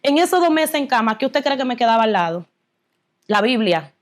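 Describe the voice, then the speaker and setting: A woman's voice: a little high, big pitch swings, a little fast. A woman tells her faith testimony as a guest in an earnest, fervent way. Her voice sits a little above the usual female range. She speaks with real emotion throughout. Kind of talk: personal religious testimony.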